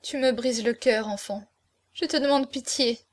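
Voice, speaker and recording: A woman's voice: on the high side, moderate pace, natural voice. A woman reading aloud, voicing a grieving noble mother who pleads in an imploring, emotional way in an audiobook. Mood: pleading.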